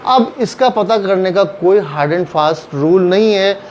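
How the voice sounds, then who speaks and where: High-voiced Pakistani man teaching a lesson. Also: measured pace, slight background noise. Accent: Urdu-speaking Pakistani. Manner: patient, repeats phrases, acts out example sentences. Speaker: Japanese language teacher. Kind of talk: classroom lesson explaining grammar.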